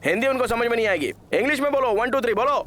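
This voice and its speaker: A man's voice: very high-pitched, expressive, racing, fairly bright tone, a little hiss or hum. A man dubbing a sly, mocking schemer who wisecracks through a standoff in a Hindi film dub. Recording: dubbed film audio with music.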